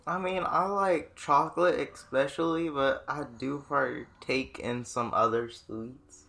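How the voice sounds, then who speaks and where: A man's voice: mid-range voice, steady tone, slow pace, vocal fry, sharp tone. A man playing a tabletop game, speaking casually. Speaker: player.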